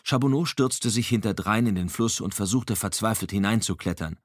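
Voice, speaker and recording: Low-voiced male audiobook narrator. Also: no echo, clean studio sound. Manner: measured, dramatic storytelling.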